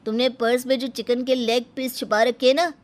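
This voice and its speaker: A woman's voice: on the high side, level tone, fairly quick, natural voice. A woman voicing an indignant bride's brother who scolds a guest in a cartoon story.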